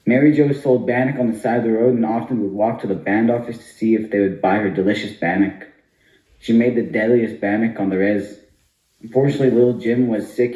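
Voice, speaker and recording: A man's voice: fairly low pitch, dark tone. A man narrating a comic story for an amateur puppet show. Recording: muffled, echoey room.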